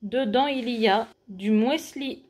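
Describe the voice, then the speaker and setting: A woman in her forties from France talks her viewers through a shopping haul in a relaxed, chatty way. Her voice sits a little high, and she pauses often with small fillers as she holds things up. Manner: chatty, shows products to camera with many fillers. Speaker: vlogger. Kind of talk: casual haul vlog.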